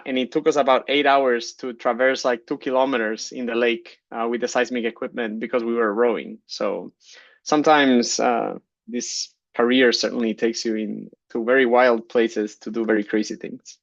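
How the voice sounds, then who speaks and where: Man from Guatemala, 30s, keynote speaker; mid pitch, dry, dull call audio. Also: moderate pace, dry recording. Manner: relaxed, many fillers and restarts. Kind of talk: conference keynote talk. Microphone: computer mic on a video call.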